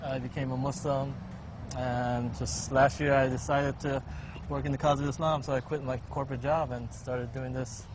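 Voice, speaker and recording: A man in his thirties, born in Vietnam and raised in Texas, answering interview questions outdoors in a halting, plainspoken way with many fillers. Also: medium pitch, flat delivery, noisy background. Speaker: interview guest. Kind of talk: casual conversation. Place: outdoors in a residential street.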